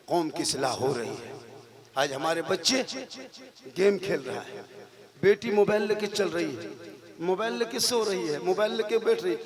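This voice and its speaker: A man preaching an impassioned sermon at a religious gathering, shouting rhetorical lines to the audience. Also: high voice. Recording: live crowd noise. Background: crowd.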